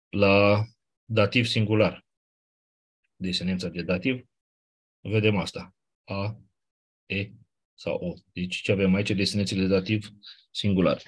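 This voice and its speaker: A man teaching a class, explaining step by step in a conversational way with quick asides. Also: fairly low pitch, husky. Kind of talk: classroom lecture.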